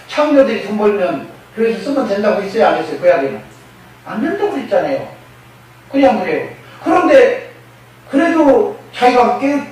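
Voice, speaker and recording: A man preaching a sermon as pastor, who keeps asking his congregation rhetorical questions and acts out quoted speakers. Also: very high voice. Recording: echoey hall, mic at a distance, faint noise.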